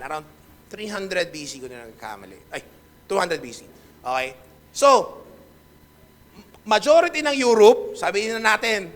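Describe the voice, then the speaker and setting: Man, pastor, sermon, high voice, questions the crowd. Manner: animated, asks the congregation questions and mixes in English.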